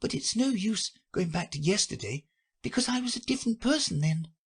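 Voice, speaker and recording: A man voicing a polite, curious young girl who speaks with a timid, wondering manner and a husky edge. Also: sits high, animated, a little fast, pitched above the performer's own voice, exaggerated voice.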